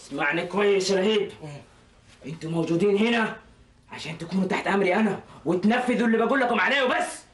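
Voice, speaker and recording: A man voices a high, rapid-fire cartoon villain boss who barks orders with scorn. The echo of the room hangs around every line. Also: crowd noise, lightly acted. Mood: commanding. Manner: commanding and scornful. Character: bossy male villain leader from an evil planet.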